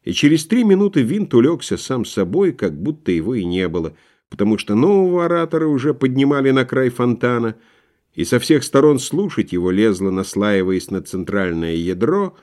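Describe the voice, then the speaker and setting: Expressive male audiobook narrator, lively delivery. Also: medium pitch, fairly quick. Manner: expressive, acting out crowd voices. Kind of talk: literary audiobook reading.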